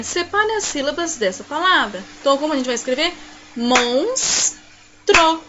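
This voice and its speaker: Woman teacher, Brazilian Portuguese accent, high voice, dull lo-fi recording, faint hiss. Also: fairly bright tone. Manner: slow syllable-by-syllable pronunciation of example words. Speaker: primary school teacher. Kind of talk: recorded lesson for young pupils.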